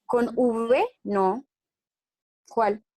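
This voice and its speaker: A woman's voice: a little high, very slow, warm tone, dry recording. Woman English teacher, patient and questioning, online class, dry computer mic. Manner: patient, checks understanding with frequent questions. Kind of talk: online class explaining grammar.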